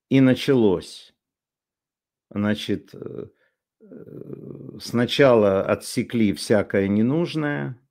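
A man giving an unscripted monologue commentary, sardonic and halting, with many drawn-out filler sounds. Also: fairly low pitch, creaky, darkish tone.

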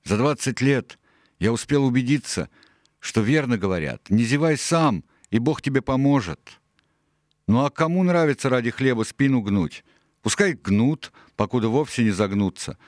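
A man's voice: mid-range voice, lively intonation, moderate pace, no room sound, studio quality, voice pushed up, natural voice. A man voicing a boisterous, sly old male pirate in an audiobook, hearty and theatrical. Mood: boastful.

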